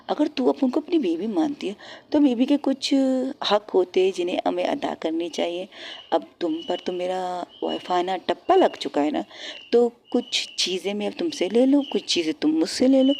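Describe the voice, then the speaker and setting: A woman's voice: mid-range voice, expressive, moderate pace, gravelly, mellow, a little hiss or hum. A woman voicing a bold, teasing young woman who talks in tough street slang.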